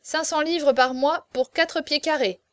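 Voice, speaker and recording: A woman's voice: high voice, steady tone, a little slow, no room sound, voice pushed up. Navaille, a woman voicing an amused young nobleman. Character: laughing young nobleman of twenty-five.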